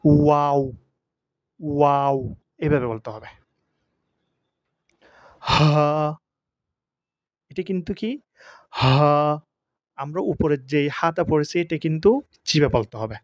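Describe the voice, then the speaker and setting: A man's voice: a little high, expressive, a little fast, no room sound. A man teaching Arabic letter pronunciation, drawing out and repeating each sound. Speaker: Quran teacher. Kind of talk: slow pronunciation lesson.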